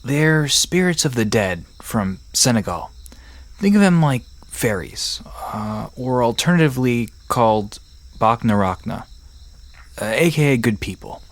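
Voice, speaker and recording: In an audio drama, an actor plays a friendly, knowledgeable young man who explains folklore in an easygoing, reassuring way. His medium-pitched voice is natural, expressive and unhurried, and the mood stays easygoing and explanatory as music and crickets play behind him.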